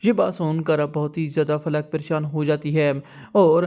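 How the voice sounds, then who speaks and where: A man retelling the plot of a TV drama episode in a steady, monotone narration. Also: on the high side. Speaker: drama story explainer.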